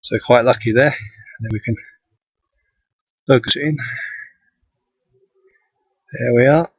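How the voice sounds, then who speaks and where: A man, an amateur astronomer, gives a live how-to commentary outdoors, thinking aloud as he works, his voice thin and tinny with no bass. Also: slow pace, breathy edge, no echo. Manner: thinking aloud while working. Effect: thin tinny sound with no bass. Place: outdoors at night. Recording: dull lo-fi outdoor recording.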